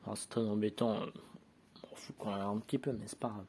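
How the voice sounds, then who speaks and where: This fast-talking man has a fairly low, warm voice and a flat delivery, with a little hiss or hum in the audio. Opening sticker packs at home, he chats casually with viewers, sorting each card aloud and mocking himself along the way. A handheld phone camera captures it, with no tripod.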